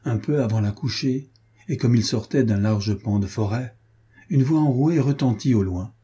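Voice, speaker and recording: Husky male audiobook narrator, measured, very dark tone. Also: mid-range voice. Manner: measured, storytelling.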